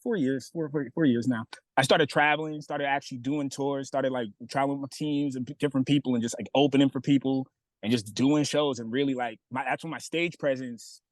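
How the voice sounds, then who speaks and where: A man from Boston, a rapper, talking casually in an interview from a bus stop, slangy and relaxed, saying "bro" a lot. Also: medium pitch, fairly quick, no room sound. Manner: laid-back slangy talk, says "bro" a lot. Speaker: rapper guest.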